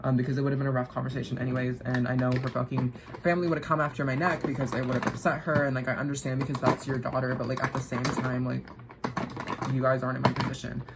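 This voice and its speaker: A man's voice: mid-range voice, flat delivery, fast talker, creaky, very noisy. A young man vlogging a casual storytime while getting ready at home, rambling in slang with a "like" in every line and swearing bluntly. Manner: rambling, slangy, fillers of "like" throughout; blunt and cussing.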